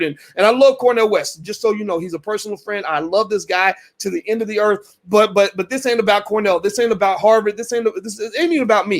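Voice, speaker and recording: A man hosting a casual talk to camera, emphatic and colloquial, who says he is losing his voice. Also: high voice. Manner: emphatic, repeats words and restarts, colloquial. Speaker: host.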